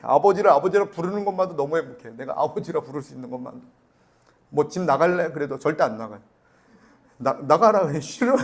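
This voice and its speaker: Man preaching an animated sermon. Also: a little high. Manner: storytelling, acting out family dialogue with rising emphatic questions. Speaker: pastor.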